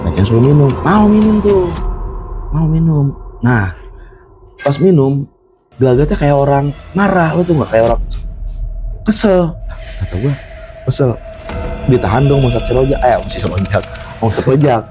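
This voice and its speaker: A man's voice: medium pitch, normal speed, long pauses, music in the background. A man, telling a true horror story in casual chat and acting out the quotes with laughter. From Jakarta. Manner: animated, acts out quotes, laughs often. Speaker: storyteller guest.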